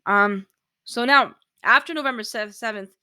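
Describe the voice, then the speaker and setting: A woman's voice: on the high side, a little slow, bright, forceful tone, smooth, dry recording. A woman, casually explaining rules step by step in a chatty vlog. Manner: chatty, walks through steps point by point. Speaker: vlogger.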